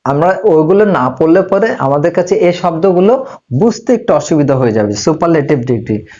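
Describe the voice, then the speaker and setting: A male English teacher giving a classroom-style grammar lesson, explaining slowly and asking and answering his own questions, in a room with a whiteboard. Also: a little high, lively intonation, a little mellow, dull audio.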